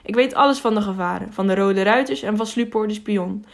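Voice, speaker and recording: A woman reading the part of an eager, cheerful young male mountain guide who pleads in a lively way. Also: medium pitch, a little fast, lightly acted.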